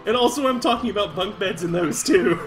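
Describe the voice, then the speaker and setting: A man's voice: sits high, brisk. A tipsy man hosting a let's play, rambling and giggling as he chats casually over the gameplay. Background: game music.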